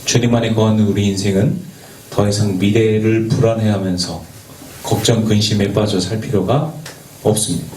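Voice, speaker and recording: A man's voice: fairly low pitch, fairly even intonation, normal speed, a little mellow. A man preaching as a youth pastor in a church, speaking earnestly and putting rhetorical questions to the young people, sometimes stumbling over his words and joking about it. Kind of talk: sermon. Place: church worship space. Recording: echoey, from a distance, faint background noise.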